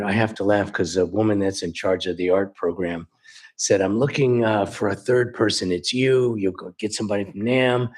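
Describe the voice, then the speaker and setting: A man's voice: fairly low pitch, darkish tone, husky. A man who runs a music store telling chatty anecdotes at a council meeting, acting out the quoted dialogue. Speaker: local music store owner presenting. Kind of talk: storytelling presentation at a council meeting.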